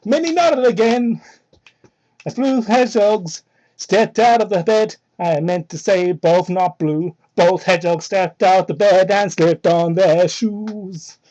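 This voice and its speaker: A young adult reads fan fiction aloud with mock drama, adding sweary, sardonic asides as both reader and commentator. The voice is slow and dark in tone, recorded on a cheap microphone that sounds muffled and low-fidelity.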